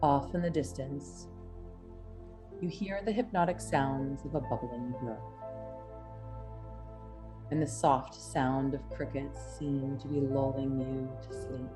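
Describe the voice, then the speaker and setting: A woman with a low voice leads a hypnotic relaxation exercise. She speaks soothingly and unhurriedly, leaving long pauses between phrases. Clear New-age music plays behind her. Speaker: hypnosis instructor. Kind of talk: slow, soothing guided relaxation induction. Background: soft New-age music.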